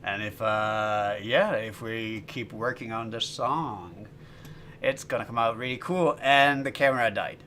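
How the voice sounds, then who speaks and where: A man's voice: lowish voice, measured pace, sharp tone, slight background noise. A man chatting casually on a livestream while making music, laughing often and restarting his sentences. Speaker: streamer and musician.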